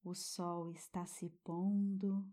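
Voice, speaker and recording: Slow, soothing Brazilian woman, sleep story narrator. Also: fairly low pitch, flat delivery. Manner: gentle, hushed, breathy pauses, tender diminutives. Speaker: children's meditation guide and narrator.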